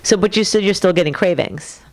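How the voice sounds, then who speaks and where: A woman's voice: medium pitch, fairly quick. A woman in her fifties co-hosting a podcast, explaining things in a casual, chatty way and repeating phrases for emphasis. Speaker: podcast co-host. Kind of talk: casual chat.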